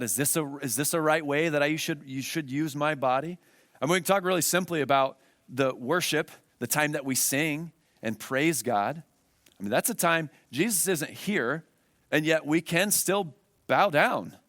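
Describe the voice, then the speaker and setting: A man's voice: mid-range voice, fairly bright tone, dry recording, clean studio sound. A man preaching a church sermon, earnest and emphatic, repeating key phrases and asking his listeners rhetorical questions. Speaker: pastor. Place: church with a screen.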